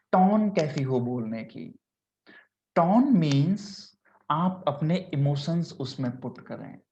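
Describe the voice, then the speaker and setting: A man's voice: on the high side, a little mellow. Man teaching public speaking, lo-fi. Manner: mixes Hindi and English, repeats key points. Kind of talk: online masterclass lecture. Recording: dull lo-fi recording with faint noise.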